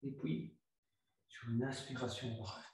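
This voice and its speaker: A man guiding a yoga flow class, calm and instructive, repeating his cues slowly. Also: medium pitch. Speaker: yoga teacher. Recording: very echoey room, voice far from mic.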